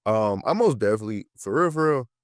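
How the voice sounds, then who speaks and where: With no room sound and studio-quality audio, a nineteen-year-old US content creator and political educator speaks fast in a lowish, lively voice. As a podcast guest, he tells casual stories full of slang and repeats things for emphasis.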